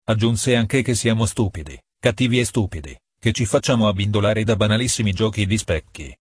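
A man narrating an audiobook in a calm, measured reading voice. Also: on the low side, slightly rough, no echo, clean studio sound.

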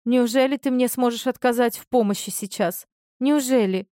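A manipulative young woman who fakes helplessness, as a woman reader puts her on. She pleads in a raised, plaintive voice, pushing each line louder and higher than the narration. It is a dry storybook reading. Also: moderate pace, no echo, natural voice. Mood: tearful pleading.

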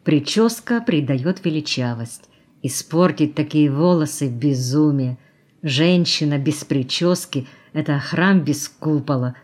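A woman's voice: deep voice, expressive, a little slow, a little mellow. A woman voicing a cynical, worldly society woman who teases and coaxes, in an audiobook. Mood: coaxing. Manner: teasing, mocking, coaxing. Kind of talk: audiobook character reading.

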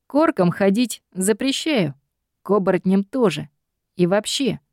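A woman voicing a domineering male demon boss who speaks in a calm, lazy, mocking way. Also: medium pitch, a little slow, dry recording, studio quality. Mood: smug.

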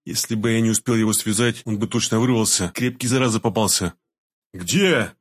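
A man narrating a first-person story as an audiobook reading, steady and dramatic. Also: on the low side, fast.

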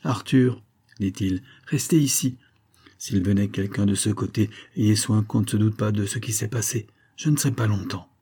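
Scheming major, cool and taunting, read by a man with a low, husky voice. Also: moderate pace, warm tone. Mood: calm scheming. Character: scheming, mocking adult male major.

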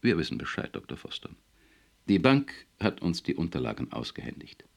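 A stern male official with a cool, probing way of speaking, read by a man. The voice sits very low and gravelly, and it moves widely in pitch as he lectures. It comes across as a calm, controlled audiobook character. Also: fairly quick, exaggerated voice. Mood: cold.

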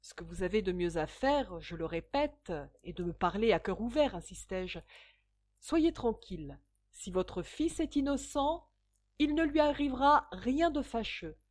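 A woman's voice: on the high side, expressive, measured pace, a little mellow, voice pushed up. A woman playing a firm, probing police detective. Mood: insistent. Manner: firm, persuasive questioning.

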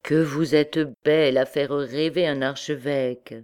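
A woman's voice: low-pitched, steady tone, unhurried, darkish tone, clear, resonant tone. A woman voicing a young army captain who answers in an offhand, evasive way.

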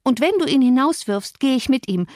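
A woman reading the part of a wilful, feverish young woman who speaks shrill and defiant. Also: expressive, fairly quick, darkish tone, no echo, clean studio sound.

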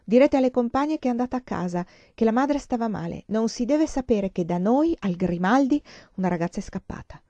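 A woman's voice: fairly high pitch, lively intonation, a little fast, few pauses, dark tone, no room sound, highs cut off, pitched above the performer's own voice, natural voice. Woman doing a stern old mother superior. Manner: curt, commanding.

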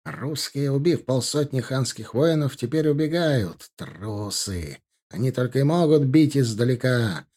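A man's voice: mid-range voice, expressive, measured pace, hardly any pauses. A man putting on an arrogant cavalry commander. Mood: scornful. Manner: scornful, shouts war cries.

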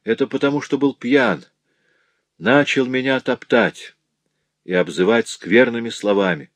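A man's voice: medium pitch, unhurried, no room sound, pitched above the performer's own voice, lightly acted. A man voicing a poor, grieving woman who tells of her husband's cruelty in a sorrowful, pleading way.

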